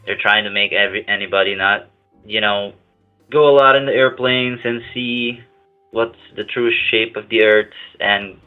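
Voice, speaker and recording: A man calls in on a speakerphone, his voice set a bit low and squeezed thin by the phone line. He talks in a halting, casual way, stopping to restart and repeating words as he goes. Faint music plays under the call. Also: fairly even intonation. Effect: on speakerphone over a phone line. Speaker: caller.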